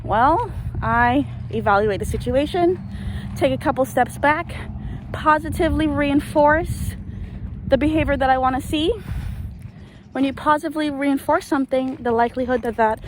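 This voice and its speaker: High-voiced woman vlogging on a dog walk. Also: normal speed. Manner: talking while out walking and handling a dog. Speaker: dog owner vlogger giving training tips. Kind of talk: casual chat to camera. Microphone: handheld camera microphone. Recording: noisy handheld camera recording.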